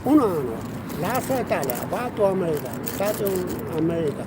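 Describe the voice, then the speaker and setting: A man's voice: high voice, sing-song, brisk. A man in his sixties with an Albanian accent, a non-native speaker chatting on the street in broken, fragmentary sentences. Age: 60s. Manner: broken Italian in short fragments. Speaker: street passerby receiving a charity gift. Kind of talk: casual street chat. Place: outdoor city street. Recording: noisy outdoor city street with traffic.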